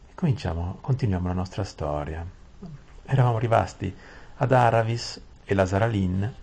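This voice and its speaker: Low, husky man telling a bedtime story softly, stumbling now and then. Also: normal speed. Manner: gentle, soothing, with small restarts. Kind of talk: reading a bedtime story aloud.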